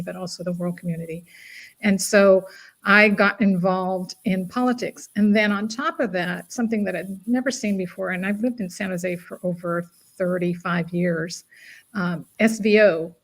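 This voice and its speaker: A middle-aged woman from Guyana, a guest advocate speaking earnestly and reflectively in conversation. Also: medium pitch. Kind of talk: casual conversation.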